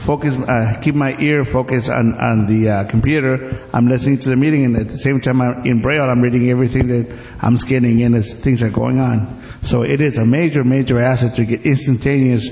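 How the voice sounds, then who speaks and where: A man's voice: medium pitch, steady tone, a little fast, hardly any pauses, darkish tone. A man speaking up from the audience to share how he uses a device, earnest with a few stumbles. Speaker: audience member and device user. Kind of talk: spoken testimonial from the audience. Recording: roomy lo-fi room recording with faint background noise.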